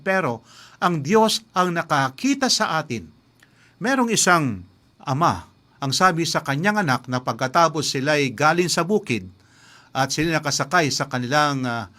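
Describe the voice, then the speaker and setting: A man's voice: a little high, pushed and bright. A pastor delivering an earnest radio sermon, telling stories and calling his listeners friends.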